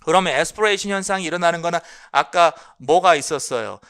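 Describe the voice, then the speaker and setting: Male lecturer, bright crisp tone, repeats key points, asks and answers his own questions. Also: fairly high pitch, fairly quick. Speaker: English linguistics lecturer. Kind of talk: exam-prep lecture explaining phonology.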